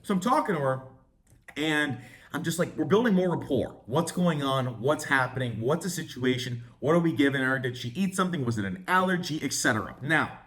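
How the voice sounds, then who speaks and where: A young man, a dating coach, telling a brash, profane story in an animated vlog style. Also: on the high side, fairly quick.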